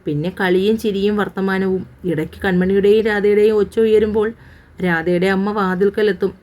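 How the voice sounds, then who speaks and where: A woman narrating a romance novel as an audiobook in a steady, unhurried storytelling manner. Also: mid-range voice.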